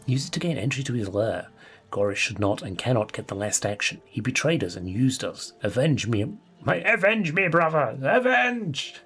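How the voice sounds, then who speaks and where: A man's voice: on the low side, lively intonation, brisk, husky, faint music behind, pitched below the performer's own voice. A man voicing a doomed male mercenary, solemnly reading his farewell letter aloud in a put-on accent. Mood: grave, desperate.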